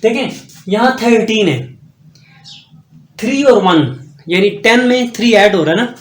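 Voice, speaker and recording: Man teaching slowly in an echoey room. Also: high-pitched, animated. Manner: slow, repetitive drilling of pronunciations with many pauses. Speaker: online German language teacher. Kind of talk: step-by-step spoken lesson. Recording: echoey room with faint ambient noise.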